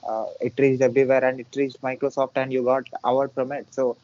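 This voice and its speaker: A man hosting an interview, asking questions in a halting way with many fillers. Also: medium pitch, level tone, darkish tone. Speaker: interviewer, host. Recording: dull lo-fi audio, off-mic.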